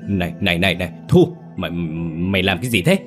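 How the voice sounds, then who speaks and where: A man's voice: low voice, expressive, fast talker, soft background music. A man voicing an old clan elder who is bossy but stammers and hesitates. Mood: stammering.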